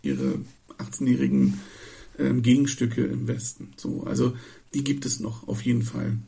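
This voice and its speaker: Gravelly-voiced male social scientist. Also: mid-range voice, level tone, moderate pace, dark tone. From eastern Germany. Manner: hesitant, many fillers.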